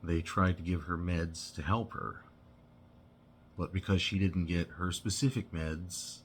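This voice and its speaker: A man casually telling a personal story, halting and rambling with many restarts and "you know"s. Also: low voice, steady tone, slight background noise.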